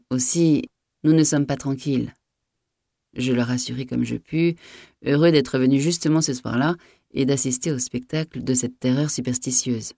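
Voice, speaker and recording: A woman narrating a story in a measured, dramatic reading. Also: extremely low pitch, dark tone, no room sound, clean studio sound.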